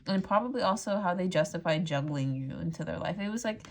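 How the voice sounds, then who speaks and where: A woman's voice: lowish voice, fast. A woman giving a casual tarot reading straight to her viewers, chatty and loose, full of "like" and "um". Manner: chatty, frequent "like" and "um", laughs easily. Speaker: tarot reader.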